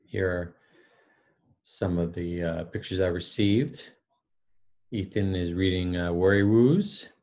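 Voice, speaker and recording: A man, a school principal, giving school video announcements in a steady, encouraging way with frequent "uh" fillers. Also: sits low, slow pace, pauses often.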